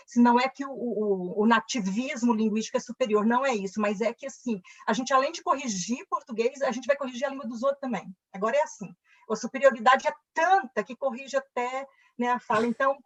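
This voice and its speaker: A woman's voice: on the high side, a bit bright. A woman with a Brazilian accent, a linguistics professor speaking in a live online discussion in an earnest, emphatic lecturing way. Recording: slightly muffled streamed audio.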